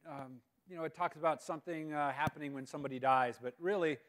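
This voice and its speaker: A man giving a humorous chapel talk as a guest speaker at a school, telling a story with animated outbursts. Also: on the high side, fast talker. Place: school assembly hall.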